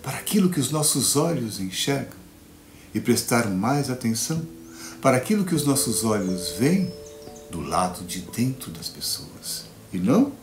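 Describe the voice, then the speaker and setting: Guy telling a fairy tale to kids, voice jumps all over, echoey room, guitar behind. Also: medium pitch. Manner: lively, playful, dramatic pauses. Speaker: storyteller. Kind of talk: children's storytelling performance.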